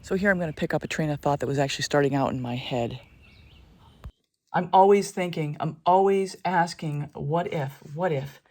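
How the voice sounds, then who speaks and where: A woman's voice: low-pitched, brisk, a little mellow. A woman hosting an art tutorial, chatting and thinking aloud as she works, sometimes dropping to a whisper. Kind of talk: casual tutorial narration.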